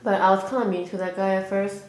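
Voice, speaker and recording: A young woman chats casually while eating on camera. She rambles and fills her pauses with 'like' in a mid-range voice. The room around her echoes noticeably. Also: mid-range voice, steady tone, a little mellow. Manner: rambling, heavy use of 'like'. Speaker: mukbang vlogger.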